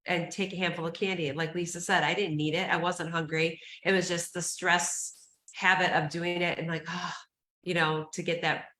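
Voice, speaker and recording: Woman co-host on a video call, deep bright voice in an echoey room, candid storyteller. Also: a little hiss or hum. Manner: conversational, candid, tells personal stories. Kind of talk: casual live coaching chat.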